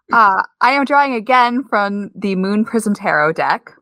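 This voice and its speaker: A woman co-hosting a podcast in casual chat, bubbly and quick to laugh. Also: medium pitch, fairly bright tone, no echo. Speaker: podcast co-host. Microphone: remote call.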